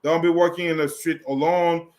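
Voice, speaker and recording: Here a French-speaking vlogger from Canada chats casually in reply to viewer questions, his slightly high, somewhat mellow voice moving little in pitch at an ordinary speed. The delivery is loose and conversational, full of restarts.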